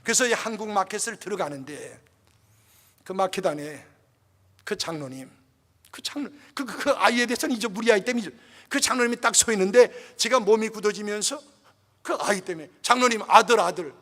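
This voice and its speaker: A man's voice: high-pitched, animated, fairly quick, fairly bright tone. An older man, a pastor, preaching a sermon with passionate, emotional storytelling. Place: church. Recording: reverberant church hall.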